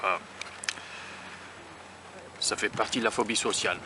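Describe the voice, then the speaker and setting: A man's voice: fairly low pitch, fairly even intonation, measured pace. Rambling man vlogging outdoors in traffic. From United States. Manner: musing, rambling, self-conscious, with frequent restarts. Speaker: food-tasting vlogger. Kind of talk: casual vlog while eating. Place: outdoors by a beach near rail tracks. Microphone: handheld camera or phone filming himself. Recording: outdoor traffic and vehicle noise.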